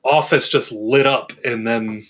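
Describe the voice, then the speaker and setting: Slow-talking man, casual stream co-host. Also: mid-range voice, fairly even intonation, fairly bright tone. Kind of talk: casual unscripted chat. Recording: faintly noisy live-stream audio.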